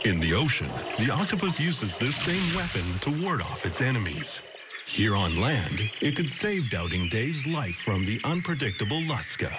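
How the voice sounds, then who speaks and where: A man reading scripted narration in the manner of a nature documentary, with a mock-serious, dramatic storytelling delivery. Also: mid-range voice. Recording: music under the voice.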